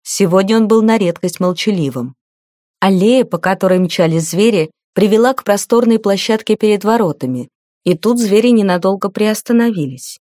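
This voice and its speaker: A woman narrating a fantasy novel as an audiobook, in an even storytelling reading. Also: medium pitch, moderate pace, no echo, studio quality.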